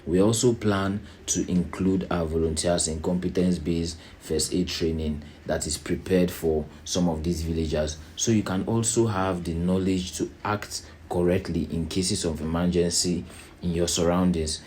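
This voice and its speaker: A man giving a slide presentation to volunteers in an unhurried, deliberate way, explaining slowly and checking in with a questioning "right?". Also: low voice, fairly even intonation, a little mellow, slight background noise. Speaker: organisation leader presenting annual plans.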